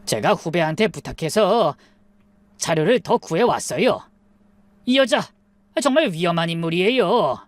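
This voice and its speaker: A woman's voice: on the low side, lively intonation, a little slow, long pauses, no echo. A woman voicing an older male security guard who urgently warns of danger. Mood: grave. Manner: urgent, hushed warning.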